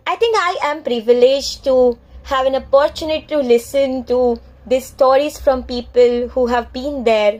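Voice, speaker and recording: A woman's voice: high voice, a little mellow, low-quality recording. A young woman with an Indian accent tells a space story in a vlog, earnest and heartfelt. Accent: Indian English.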